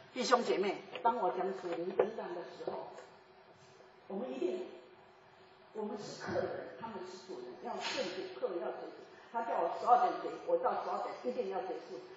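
A woman in her seventies preaching a sermon, telling a lively story with laughter and bursts of chanted lines. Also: mid-range voice, moderate pace, noisy background. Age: 70s. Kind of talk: sermon testimony. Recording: echoey hall from far off, dull.

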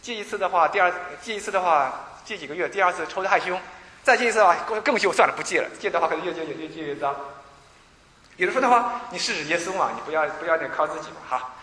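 A man preaching a sermon, telling stories in an animated way, with many restarts and repeated words. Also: high-pitched, fast, roomy sound, in a large hall, rough recording. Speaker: pastor.

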